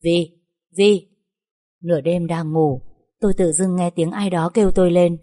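A young woman narrating a story in the first person, lively and chatty. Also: on the low side, a little fast.

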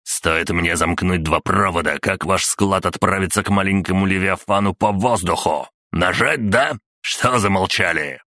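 A man voicing a defiant barbarian warrior shouting threats at a gang. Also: low voice, normal speed, few pauses, no echo, clean studio sound.

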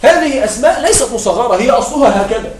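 A man teaches grammar to a class in a high, clear-pitched voice, often repeating himself and asking quick check-in questions. He is recorded from a distance, so the room's echo carries around his words. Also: animated, slight background noise. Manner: repeats points and checks understanding with short questions. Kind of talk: classroom lecture. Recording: echoey room, mic far off.

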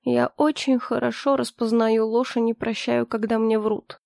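A woman voicing a suspicious, stern male pirate leader who speaks slowly and with menace in an audiobook. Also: a little high, flat delivery, vocal fry, a little mellow, no echo, studio quality. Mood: threatening. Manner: slow, measured, threatening.

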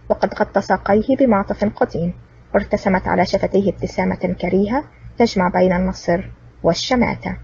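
Woman audiobook narrator: rapid, raspy, far from the mic on lo-fi sound. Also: mid-range voice, mellow, a little hiss or hum. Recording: distant, dull lo-fi recording.

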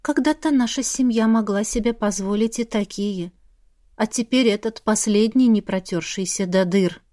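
A woman narrating a first-person fantasy audiobook in an expressive way. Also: mid-range voice, normal speed.

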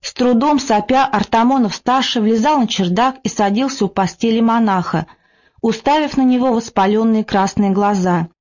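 A woman narrating an audiobook of classic prose in a steady, measured reading. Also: fairly high pitch, dull audio. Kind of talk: scripted narration.

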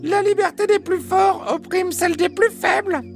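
A woman's voice: very high-pitched, steady tone, normal speed, gravelly, faint music behind. A woman voicing three fussy, flustered farmyard hens in a children's audio story, hesitating and stammering as they talk. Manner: hesitant, full of "bah" and "euh".

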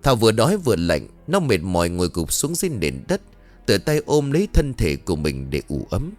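A man's voice: on the low side, very animated, brisk, darkish tone, soft background music. A man narrating a ghost story in a dramatic storytelling manner.

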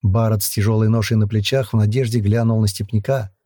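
Husky, dark-voiced male narrator. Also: on the low side, fairly even intonation, fast, no echo, studio quality. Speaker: audiobook narrator. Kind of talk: scripted fantasy narration.

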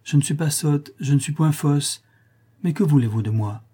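A man's voice: fairly high pitch, moderate pace, mellow, slightly rough, voice pushed up. Mélite, a man doing a trembling young lady. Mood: troubled.

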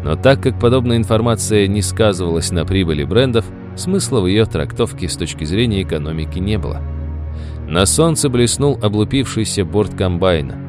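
Male storyteller, low voice, steady reading, faint music underneath. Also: normal speed. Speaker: audiobook narrator. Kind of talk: scripted narration.

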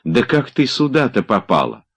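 A man voicing an anxious, impatient young gentleman in an audiobook. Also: mid-range voice, big pitch swings, moderate pace, slightly rough, pitched above the performer's own voice. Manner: anxious, pressing.

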